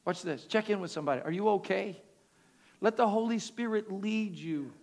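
A man preaching a sermon in a booming, exhortatory motivational manner, insistently repeating phrases and calling on listeners to respond. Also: expressive, brisk, a little mellow. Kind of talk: sermon with altar call and prayer. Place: live service before a congregation. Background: music playing.

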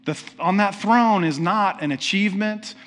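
A man's voice: high-pitched, moderate pace, a bit bright. Man preaching in a conversational way. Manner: conversational, with frequent restarts and rhetorical questions. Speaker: pastor. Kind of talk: sermon.

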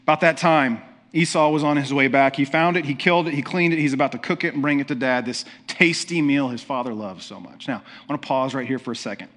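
A man's voice: medium pitch, fast talker, a bit bright. A man preaching a sermon in a conversational way, asking the listeners questions and often restarting his sentences. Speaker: pastor.

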